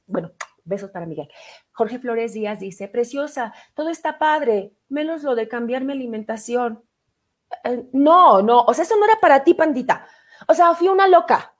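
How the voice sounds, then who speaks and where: A woman's voice: medium pitch, a little mellow. A middle-aged woman with a Mexican accent, hosting a live online show in a casual, playful way, full of fillers and reading out viewer comments. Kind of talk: casual live-stream chat.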